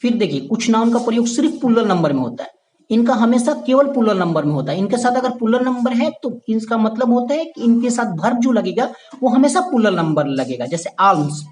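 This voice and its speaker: A man's voice: very high-pitched, sing-song, a little fast, darkish tone. Male tutor, patient lesson delivery, repeats himself for emphasis. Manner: repeats key points, checks in with "ठीक है"; addresses viewers as "my dear friend". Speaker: English grammar teacher. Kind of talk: classroom grammar lesson.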